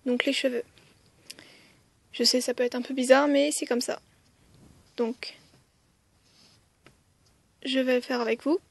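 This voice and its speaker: A woman's voice: high voice, flat delivery, a little slow, creaky, pauses often, dry recording. A woman teaching a writing lesson step by step, with frequent "euh" hesitations and counting strokes aloud. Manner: counts strokes aloud, softly whispering some counts. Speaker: language teacher.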